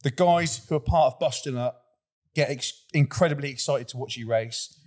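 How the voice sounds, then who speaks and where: A man's voice: medium pitch, normal speed, a little mellow. A man hosting a casual podcast, rambling and repeating words as he starts sentences, often laughing between lines. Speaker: podcast host.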